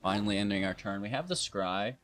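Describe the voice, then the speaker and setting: A man with a fairly low voice talks through his card game in a casual, joking way. He teases his opponent as he plays. Quiet music runs faintly underneath. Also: animated, a little fast. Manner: playful, teasing asides to the opponent. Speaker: gaming video host. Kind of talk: casual gameplay commentary.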